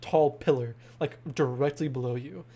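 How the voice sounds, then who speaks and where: A man narrating a tabletop game as game master, describing scenes in a halting way full of fillers. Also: medium pitch, steady tone, warm tone.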